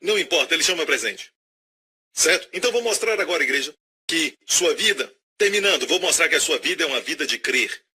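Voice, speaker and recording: A man preaching a sermon, animated and questioning his audience. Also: fairly high pitch, a little fast, a little hiss or hum.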